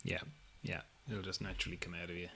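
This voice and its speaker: A man hosting an interview, asking short questions and giving brief, soft-spoken replies. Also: deep voice, level tone, quick pace, creaky. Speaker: podcast host.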